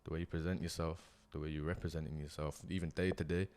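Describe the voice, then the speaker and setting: Young man, deep and earnest. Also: level tone, fast, a little mellow, clear, resonant tone. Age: young adult. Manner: slangy and earnest, many restarts. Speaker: guest, property investor. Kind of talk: casual interview chat.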